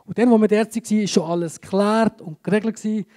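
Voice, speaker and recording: A man's voice: sits high, steady tone, fast talker. Emphatic Swiss German preacher man. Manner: emphatic, swinging between urgent and hushed. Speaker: pastor. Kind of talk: sermon. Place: church service.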